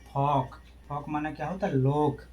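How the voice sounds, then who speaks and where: A man's voice: a little high, steady tone, a little slow, darkish tone, soft background music. A man teaching a classroom lesson. He asks questions and answers them himself, and spells out letters one at a time. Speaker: English teacher. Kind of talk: classroom lesson explained in Hindi.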